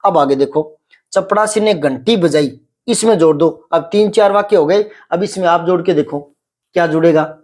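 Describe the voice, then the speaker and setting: A middle-aged man teaching Hindi grammar, explaining patiently, repeating example sentences slowly and quizzing a pupil. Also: a little high, darkish tone. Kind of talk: classroom grammar lesson.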